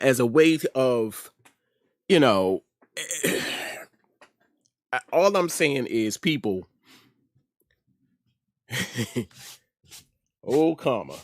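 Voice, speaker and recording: On his online news commentary show, a middle-aged American man shares informal opinions emphatically, repeating phrases for effect. He has a medium-pitched voice, and the clean studio recording carries no room sound.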